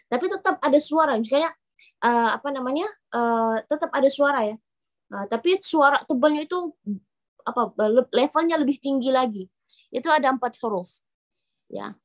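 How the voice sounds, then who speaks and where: Patient woman teaching letter sounds. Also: sits high. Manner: explains patiently, repeats points, demonstrates sounds. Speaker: Quran recitation teacher. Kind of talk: spoken lesson on Arabic letter pronunciation.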